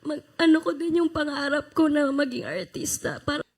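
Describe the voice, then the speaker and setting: A young woman guest on a TV show, speaking haltingly and emotionally. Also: sits high, little pitch movement.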